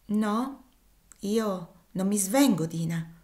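A woman voicing a frail, earnest young girl in a read-aloud novel, speaking softly and firmly, half in a whisper. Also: mid-range voice, lively intonation, slow pace.

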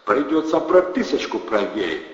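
A man voicing a loud, brash young male hustler who bellows in slang. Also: mid-range voice, big pitch swings, moderate pace, echoey room, big-room sound, dull audio, voice pushed up, lightly acted. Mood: boisterous.

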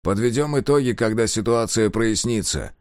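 A man voicing a gruff male commander who speaks tersely. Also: on the low side, animated, normal speed, no echo, studio quality, natural voice.

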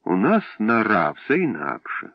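A man's voice: on the low side, wildly swooping pitch, a little slow, dry recording, exaggerated voice. A man voicing a talking female flying fish, playful and a little preachy. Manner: playful, lecturing. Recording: dull dry recording.

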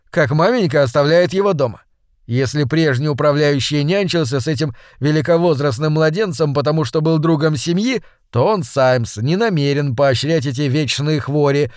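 A man narrating a novel as an audiobook reader in an even storytelling manner. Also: on the high side, dry recording. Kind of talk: scripted narration. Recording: dry close studio sound.

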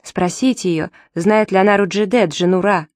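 A woman's voice: mid-range voice, fairly even intonation, moderate pace, dry recording, natural voice. Woman reading as an anguished, accusing mother. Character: wronged mother, grieving and accusing.

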